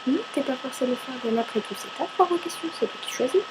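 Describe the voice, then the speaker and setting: Against a noisy background, a Parisian woman answers viewer questions to camera in a high-pitched, expressive voice, talking fast. She's chatty and self-mocking, swears casually, and keeps arguing back and forth with herself.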